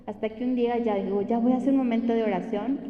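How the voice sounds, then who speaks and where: Woman, faith testimony, earnest and teary, high-ish voice, echoey hall. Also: fairly even intonation, fast, muffled recording. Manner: earnest, emotional, often close to tears. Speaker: retreat testimony speaker.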